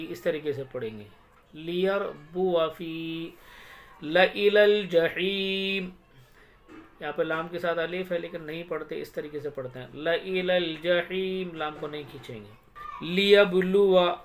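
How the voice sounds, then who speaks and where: A man teaching Quran reading step by step. He sounds out each word slowly and stretched, then explains quickly and checks with the listener. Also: fairly high pitch. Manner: asks the learner quick check questions. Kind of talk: step-by-step recitation lesson.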